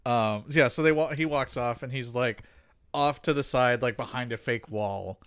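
A man co-hosting a casual chat, talking in a rambling, halting way full of restarts. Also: medium pitch, clear, resonant tone.

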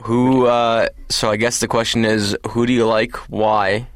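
A man's voice: medium pitch, flat delivery, unhurried, dry recording. A man hosting a casual sports podcast, blunt and steering the discussion. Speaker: podcast host.

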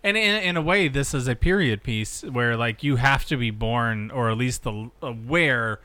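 Bright-voiced man chatting casually. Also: medium pitch. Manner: animated, swearing, halting restarts. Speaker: movie discussion participant. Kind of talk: casual chat.

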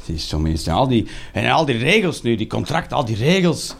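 A man's voice: mid-range voice, big pitch swings, brisk, gravelly, noisy background. A Flemish man in his thirties doing a sarcastic, swearing stand-up rant. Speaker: stand-up comedian.

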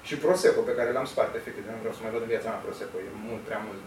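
A man's voice: on the low side, a little mellow. A man chatting casually on a podcast, enthusiastic and hesitant, with many fillers. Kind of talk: casual chat. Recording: roomy, distant from mic, faint noise.

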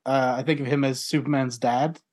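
A podcast co-host in casual chat, enthusiastic and rambling, quick to joke. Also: medium pitch, steady tone, darkish tone.

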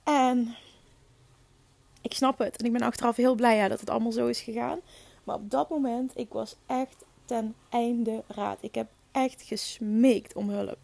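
A woman's voice: a little high, fairly even intonation, moderate pace, vocal fry, darkish tone, no echo. A woman hosting a podcast, telling a personal story in a candid, frank way and repeating phrases for emphasis. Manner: frank, with occasional swearing. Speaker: podcast host.

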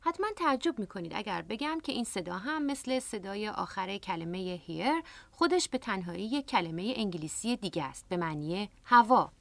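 Lively-voiced woman teaching on radio. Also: mid-range voice, vocal fry, hardly any pauses, no echo. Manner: patient, explanatory. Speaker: English teacher and radio host. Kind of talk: radio language lesson. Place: radio studio.

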